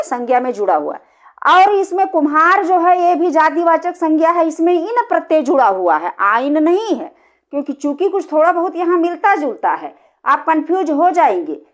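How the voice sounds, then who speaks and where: A woman with a high voice teaches a grammar lesson. She explains each point patiently and keeps asking the class questions, then answers them herself. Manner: explains step by step, asks and answers own questions.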